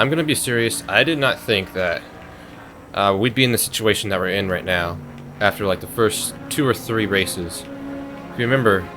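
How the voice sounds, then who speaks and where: A chatty young man talks through a racing game in casual, rambling commentary, turning excitable when the action heats up. His voice sits fairly low, and game music plays clearly behind him. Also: low-quality recording. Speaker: gaming channel host.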